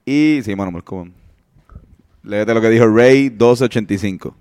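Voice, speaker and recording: A man's voice: on the low side, normal speed, darkish tone, clean tone. A man hosting a comedy reaction show, reading viewer comments with many fillers. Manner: reads comments aloud, hesitant fillers.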